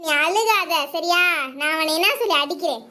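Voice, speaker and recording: A woman's voice: extremely high pitch, moderate pace, sharp tone. Woman voicing a fiery protective aunt. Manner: fussing, fiery.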